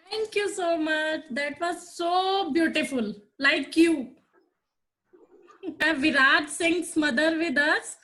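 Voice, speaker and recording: A woman's voice: high voice, bright, forceful tone. A woman hosting an online class celebration over a video call, mixing Hindi and English and politely calling everyone ma'am. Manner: polite, slow and drawn out, calls everyone ma'am. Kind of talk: cheerful host chat mixing Hindi and English.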